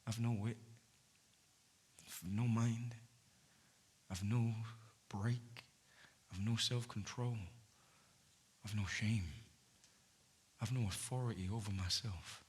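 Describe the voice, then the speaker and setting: An actor playing an ardent male poet on stage, pouring out love in hushed, intimate tones that swell to fervor. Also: fairly low pitch, steady tone, takes it slowly, long pauses. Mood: fervent. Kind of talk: staged theatre performance.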